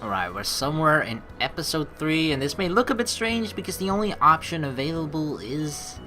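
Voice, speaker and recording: Low-pitched but very animated, a woman reads game narration and reacts dramatically while hosting a gaming video. She talks a little fast in a pushed, bright voice, with faint game music behind her.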